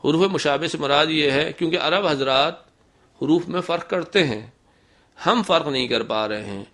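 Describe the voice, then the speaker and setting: Bright-voiced man teaching recitation. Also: fairly high pitch. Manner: methodical, demonstrates letter sounds slowly. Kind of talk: instructional lesson.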